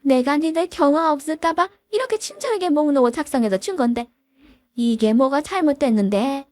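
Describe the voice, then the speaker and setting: A woman's voice: high-pitched, expressive, brisk, a little mellow, pitched above the performer's own voice. A woman voicing a scheming, domineering older mother-in-law who nags and scorns, in a dramatized story reading. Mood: scornful. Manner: scornful, nagging.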